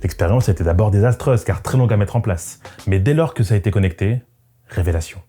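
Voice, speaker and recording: A man narrates his motorcycle vlog from a script in the first person, sounding conversational and reflective. He speaks fast, with a fairly low pitch and a dark tone, while music plays behind him.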